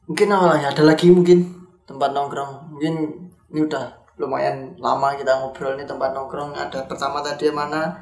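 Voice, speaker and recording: A man's voice: mid-range voice, fairly quick. A young man with a Javanese-tinged Indonesian accent, hosting a casual podcast chat and telling stories with a laugh in his voice. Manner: animated storyteller, laughs while telling. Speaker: podcast host. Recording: echoey room.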